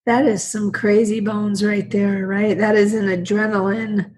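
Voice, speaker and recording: A woman co-hosting a casual podcast in a chummy, slangy way, with a hoarse smoker's rasp and a congested sound from a sinus bug. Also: medium pitch, level tone, measured pace, darkish tone. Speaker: podcast co-host.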